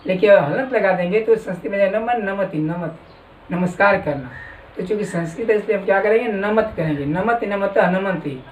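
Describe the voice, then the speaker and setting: A man teaching a classroom lesson, slowly dictating words for students to copy. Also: sits high, slight background noise. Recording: echoey room from far off.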